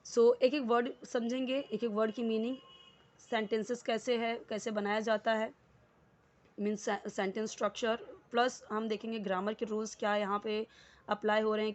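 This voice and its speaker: A woman teaching English word by word, patient and explanatory. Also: mid-range voice. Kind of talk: Hindi-medium English lesson.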